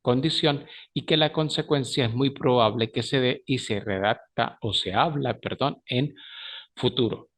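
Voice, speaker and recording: A man's voice: mid-range voice, unhurried, fairly bright tone. A man teaching an English lesson, who often stops to correct himself mid-sentence. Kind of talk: recorded language lesson.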